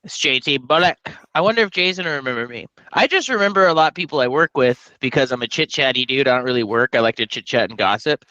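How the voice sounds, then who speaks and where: A man from Texas co-hosting a podcast, telling animated, profane, jokey stories in casual chat. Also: medium pitch, fast talker, hardly any pauses, dry recording, dull audio. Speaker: podcast co-host.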